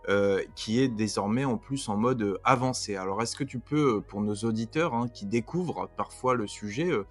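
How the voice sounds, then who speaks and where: A man's voice: on the low side, moderate pace, soft background music. A man hosting a casual podcast interview, asking questions with lots of hesitations and fillers. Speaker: podcast host.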